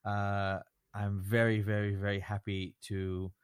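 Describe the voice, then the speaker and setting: An American man hosting a conversational podcast, speaking haltingly and circling his points with frequent little tag words. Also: fairly low pitch, monotone, slight background noise. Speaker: host, rabbi.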